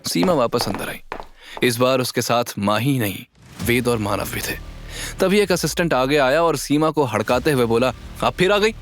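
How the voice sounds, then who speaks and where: Over a bed of background music, a man with a mid-range voice narrates a scripted drama story at a moderate pace. His delivery is dramatic storytelling, with slight background noise.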